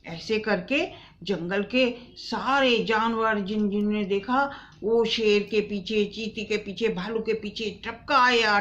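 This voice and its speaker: Slow-telling woman storyteller. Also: mid-range voice. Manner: gentle, addressing children directly. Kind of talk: children's bedtime story narration.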